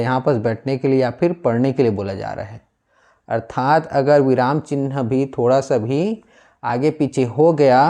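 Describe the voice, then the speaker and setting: A man's voice: medium pitch, mellow. A man teaching a Hindi grammar lesson, who asks his students questions and then answers them himself, often repeating key words. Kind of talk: classroom lecture.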